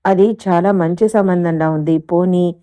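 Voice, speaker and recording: A woman's voice: lowish voice, fairly even intonation, unhurried, dark tone, clean tone, natural voice. A woman voicing an affectionate young man, a boss who speaks to the girl he loves tenderly and politely, in a read-aloud story.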